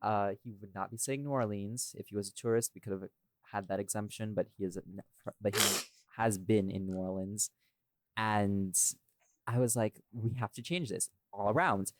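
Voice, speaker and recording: A man with a lowish voice co-hosts a casual, chatty podcast discussion at normal speed, with no echo. He creates audio series, and he speaks emphatically, repeating phrases to stress his points.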